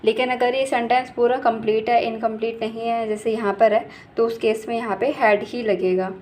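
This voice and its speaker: A woman English teacher explains grammar in a casual, patient way, her voice fairly high, level and darkish over slight background noise. She often checks in with "ठीक है" and corrects herself as she goes. When reading the English example sentences aloud, she slows right down and speaks deliberately.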